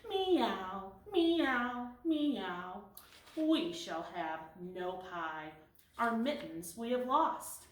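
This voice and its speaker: A woman voicing three small kittens in a high, sing-song pleading voice. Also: sing-song, extremely slow, exaggerated voice. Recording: roomy echo, mic at a distance.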